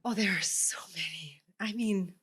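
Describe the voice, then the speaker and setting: A woman guest in an interview, soft-spoken and musing as she answers. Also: mid-range voice, moderate pace. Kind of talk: conversational interview chat.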